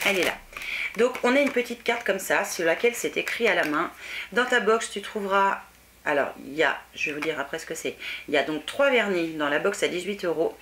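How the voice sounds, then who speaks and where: A woman's voice: lowish voice, background noise. A young woman chatting casually through an unboxing, self-deprecating, with many fillers. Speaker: beauty vlogger.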